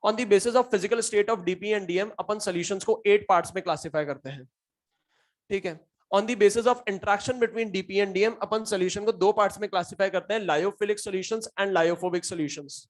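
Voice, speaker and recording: A male teacher giving a classroom lecture. He asks and answers his own questions, reads definitions out slowly, and repeats key terms. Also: high-pitched. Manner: reads English definitions slowly, then explains in Hindi.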